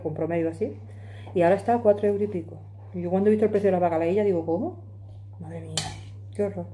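A Madrid woman in her forties vlogs from her home kitchen, eating and chatting casually to a phone camera propped on the table. Her voice is fairly low and warm, and she's chatty and emphatic, talking with her hands.

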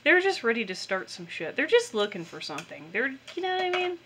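Frank, chatty woman, bright voice. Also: fairly high pitch, sing-song, quick pace, slight background noise. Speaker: podcast co-host. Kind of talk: casual chat.

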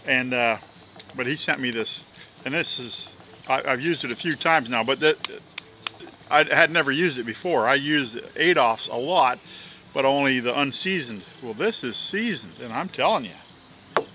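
A man's voice: mid-range voice, animated, normal speed, pushed and bright, slight background noise. A man vlogging outdoors at his campsite, chatting casually while he eats, rambling with fillers and trailing off. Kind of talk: casual chat while eating.

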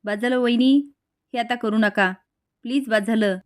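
A woman's voice: fairly high pitch, steady tone, normal speed, smooth, no echo, studio quality, lightly acted. A woman reading an angry, hurt husband. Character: upset adult man, hurt and angry.

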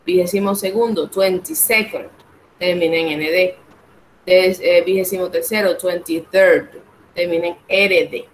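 A woman's voice: mid-range voice, a little hiss or hum, poor audio. A woman teaching English numbers in an online class, explaining each step patiently and inviting her students to answer aloud over the call.

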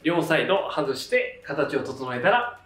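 Sing-song and a little slow, a fairly high, bright-toned man in his thirties narrates a step-by-step tutorial casually and politely. He's a hairdresser and channel host, heard through a distant mic in an echoey room with faint music.

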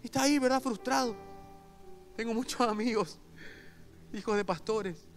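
A man preaching a sermon as pastor, telling a story with hushed asides and loud bursts. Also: very high-pitched, normal speed, soft background music. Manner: animated storyteller, swings between hushed asides and loud outbursts. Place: church service.

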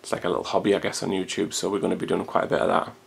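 A deep-voiced man in his thirties talks to a home camcorder, loose and rambling. His voice sits low with a gravelly fry running through it, and he swears now and then in an easy, everyday way. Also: level tone, very fast. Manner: rambling, chatty, swears casually. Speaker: vlogger. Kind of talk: casual chat to camera. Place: hot room at home. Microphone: camcorder built-in mic.

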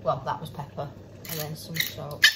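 In a casual cook-along chat, a young adult woman talks into a nearby phone camera that shifts around her home kitchen amid cooking noise. Chatty and rambling, she uses lots of fillers and corrects herself, her low-pitched voice level, moderately paced and tinged with vocal fry.

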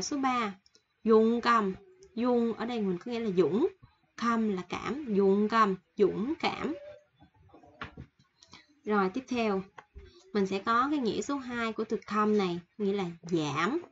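A woman with a cold teaching Korean vocabulary in a casual online lesson, slowly repeating and explaining each word from a list. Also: mid-range voice, a bit bright, dull audio, slight background noise. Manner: slow repetitive explaining, reading word lists. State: has a cold.

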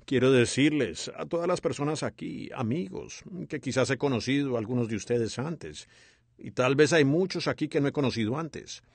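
A man voicing over a sermon as a dub, with a lively, expressive delivery. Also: medium pitch, normal speed, breathy edge, dry recording. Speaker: sermon interpreter.

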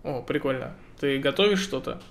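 A man's voice: medium pitch, expressive, moderate pace. A man in his twenties chatting and joking with strangers over a video call, laughing often. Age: 20s. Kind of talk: casual video chat. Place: indoor room, seated in a chair. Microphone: webcam video call.

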